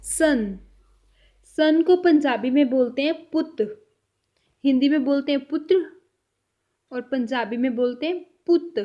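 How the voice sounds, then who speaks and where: A woman teaching a vocabulary lesson, saying each word and then repeating it, with her voice trailing off softly at the end of a phrase. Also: sits high, measured pace, highs cut off. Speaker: language teacher.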